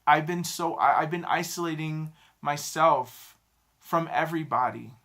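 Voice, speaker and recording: A man in his thirties talking to a camera in a halting, self-critical confessional vlog, often repeating himself. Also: a little high, fairly bright tone. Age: 30s. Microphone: camera mic, talking to a camera.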